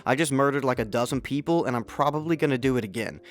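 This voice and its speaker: A man voicing a brooding male scientist vampire who talks like a lazy, mumbling bro, in a quieter voice than his own. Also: medium pitch, quick pace, close to an everyday voice. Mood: mopey.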